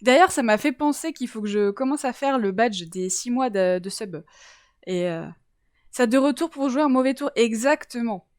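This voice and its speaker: Woman from toulouse way streaming, giggly chatty, says hi to chat a lot, bit high pitched, dry sound. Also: animated, moderate pace, clear, resonant tone, no room sound. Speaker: science live-streamer. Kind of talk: casual live-stream chat.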